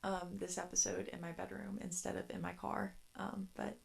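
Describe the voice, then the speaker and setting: Young woman, 20s, podcast host, casual bedroom storytelling, low voice with heavy vocal fry. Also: level tone, moderate pace. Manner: chatty, rambling, laughs between thoughts. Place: her bedroom.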